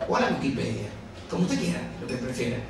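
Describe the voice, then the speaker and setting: In a crowded café, a male Venezuelan novelist in his forties chats with an audience about his book, poking fun at himself and laughing a lot. His mid-range voice is expressive and quick. Background noise, crowd chatter, room echo, and a distant mic mark the recording.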